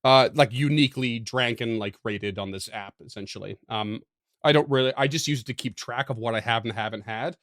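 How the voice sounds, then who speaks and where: A man's voice: mid-range voice, fairly quick, fairly bright tone, no echo, studio quality. A man co-hosting a podcast, talking casually with many fillers and restarts, laughing often. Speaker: podcast co-host. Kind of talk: casual chat.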